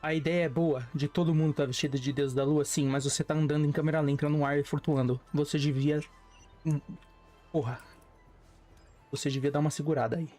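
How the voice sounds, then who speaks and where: A man's voice: fairly high pitch, flat delivery, fast talker, a little mellow. A man with a Brazilian accent giving casual, joking, slangy commentary as he streams a game. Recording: game music behind.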